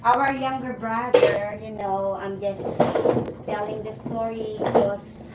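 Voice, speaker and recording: A medium-pitched, fairly evenly intoned woman in her forties from the Philippines, speaking with a Filipino accent, chats casually with her livestream viewers in a very noisy recording. She teases, laughs often, and stumbles into restarts. The sound is roomy and distant with noticeable ambience.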